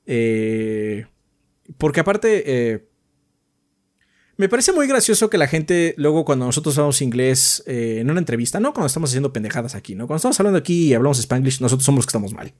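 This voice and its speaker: A man with a Mexican accent co-hosting a casual podcast chat, animated and swearing freely. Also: mid-range voice, brisk. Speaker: podcast co-host.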